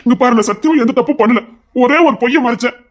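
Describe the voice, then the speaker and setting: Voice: medium pitch, quick pace, close to an everyday voice. A performer voicing an anxious young husband in an audio drama who keeps pleading and swearing he is innocent. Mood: defensive.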